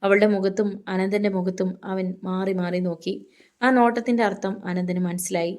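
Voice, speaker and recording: A woman reading a thriller novel aloud in measured, dramatic storytelling. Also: medium pitch, steady tone, a little mellow. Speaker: audiobook narrator. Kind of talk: scripted audiobook narration.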